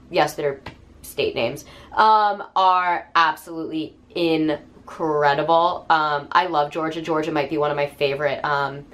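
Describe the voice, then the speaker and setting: A young woman with a cold gushes about horror novels in a casual vlog. Her voice sits a little low and sounds stuffy from the cold. She talks eagerly and pads her sentences with lots of fillers. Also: a bit bright. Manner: enthusiastic, gushing, with fillers. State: hoarse from a cold. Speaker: book reviewer. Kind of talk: casual book review vlog.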